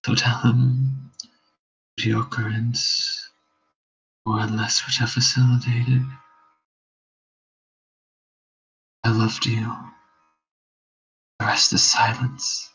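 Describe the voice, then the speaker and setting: A man playing a dying, anguished Danish prince in a verse drama, with a faint, halting deathbed delivery. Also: medium pitch, little pitch movement, a bit bright, slightly rough, heavily acted. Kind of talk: amateur read-through of Shakespeare verse drama. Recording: dull, lo-fi, faint noise.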